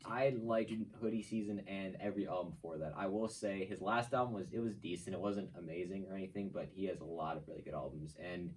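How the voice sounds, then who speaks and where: A man's voice: deep voice, quick pace, hardly any pauses, distant mic, a little hiss or hum, low-quality recording. A young man co-hosting a student podcast, talking in a laid-back, hesitant way. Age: young adult. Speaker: co-host. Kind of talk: casual chat.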